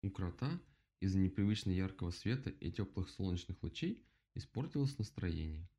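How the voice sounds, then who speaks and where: A man reading a children's story aloud as narrator, expressive. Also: low voice, normal speed.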